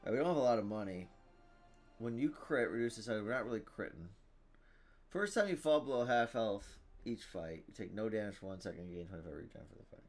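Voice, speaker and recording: A man's voice: lowish voice, lively intonation, quick pace, faint music behind. Man thinking aloud over a card game. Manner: thinks aloud, reads item text, groans at bad luck. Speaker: gaming streamer. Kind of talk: casual gameplay commentary.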